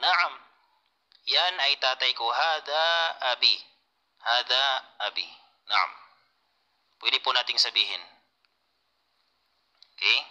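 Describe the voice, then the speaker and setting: Bright-voiced man teaching Arabic. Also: medium pitch, slow, long pauses, low-quality recording. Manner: patient, repeats key points, answers students. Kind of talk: online class lecture.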